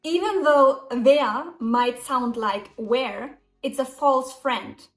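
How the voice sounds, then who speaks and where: A woman teaching German in English, explaining sentence structure slowly and carefully. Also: high-pitched, a bit bright. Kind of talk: English lesson with German example dialogues. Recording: echoey room, music behind, mic at a distance.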